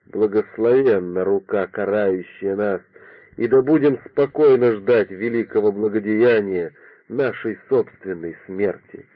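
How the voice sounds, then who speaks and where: A man's voice: on the low side, a little slow, no echo. A man reading an audiobook voices an older, dignified father holding back his grief in a solemn, restrained way, on a dry, phone-like recording. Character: stoic grieving old nobleman, dignified father. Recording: dry, phone-like narrow sound.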